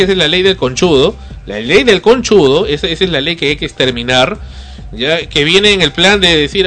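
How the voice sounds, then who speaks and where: A man's voice: high voice, sharp tone. A man, hosting a talk show and telling a story with indignation and rhetorical questions. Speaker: podcast host.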